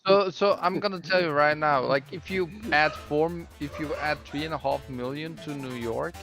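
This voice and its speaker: A man's voice: a little high, moderate pace, creaky, a bit bright. A man from Belgium, a Flemish speaker, chatting casually on a retro gaming podcast, curious and laughing often. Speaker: podcast co-host. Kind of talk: casual group chat while gaming. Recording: music playing behind.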